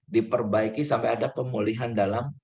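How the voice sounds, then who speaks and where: A male pastor preaches to his congregation in an easy, conversational way. His voice is gravelly at mid pitch. He slips English words into his points and acts out small exchanges. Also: steady tone, fairly quick, darkish tone, lo-fi sound. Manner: acts out little dialogues and laughs now and then. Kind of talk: sermon.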